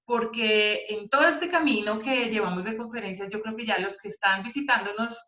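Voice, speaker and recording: Bright-voiced woman in an echoey room. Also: on the high side, brisk, dull audio. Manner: hesitant, many fillers. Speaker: guest speaker and coach. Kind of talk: casual event announcement.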